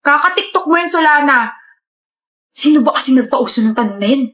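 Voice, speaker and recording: Woman, high-pitched, bantering, comedy skit. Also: animated, a little fast, pushed and bright. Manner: bantering, teasing. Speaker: skit creator. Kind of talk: scripted comedy skits.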